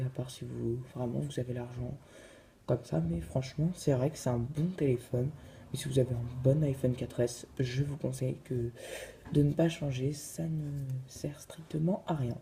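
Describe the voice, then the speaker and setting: Guy rambling through a phone review, lots of ums, low gravelly dark tone. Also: slight background noise. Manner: hesitant, full of fillers. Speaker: vlogger. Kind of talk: casual phone review vlog.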